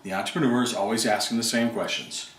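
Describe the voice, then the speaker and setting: A man's voice: on the low side, fast, a bit bright. A man, a business coach, giving an emphatic instructional talk with rhetorical questions. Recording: roomy, distant mic.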